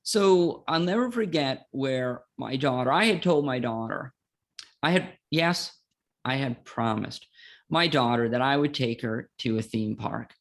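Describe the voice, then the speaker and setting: Casting: middle-aged man, gravelly voice, playful law teacher on a podcast. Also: mid-range voice, animated, unhurried. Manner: playful, self-mocking, explanatory. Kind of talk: casual explanatory chat.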